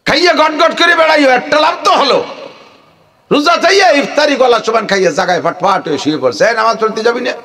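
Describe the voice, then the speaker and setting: Animated preacher man, lively pitch. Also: a little fast. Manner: animated, swings from high shouts to low mutters, acts out villagers. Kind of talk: comic Bengali waz sermon.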